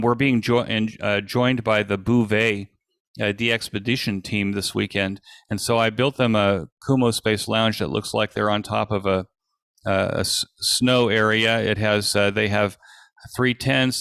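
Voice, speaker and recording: Fairly low in pitch and creaky, a man halts and restarts as he explains an informal live software demo on an online video call for an event. The tone is clean, with no echo, at studio quality.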